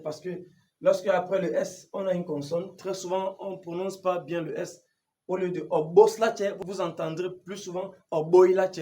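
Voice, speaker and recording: A man giving a patient language lesson, explaining slowly and repeating each phrase. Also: high-pitched, a little mellow. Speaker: language teacher.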